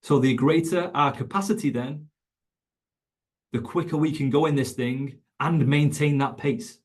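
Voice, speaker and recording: Speaking without hurry in a fairly high-pitched voice, a fitness coach educator teaches other coaches over an online webinar. He is emphatic and chatty, repeating his central points.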